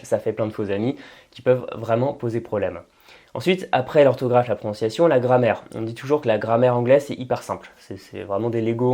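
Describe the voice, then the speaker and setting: A man with a mellow, warm tone explains a language topic in an unscripted, conversational way. He thinks aloud, stumbling over words and restarting phrases as he goes. His pitch sits in an ordinary middle range. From France. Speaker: language teacher. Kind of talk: casual explanatory talk.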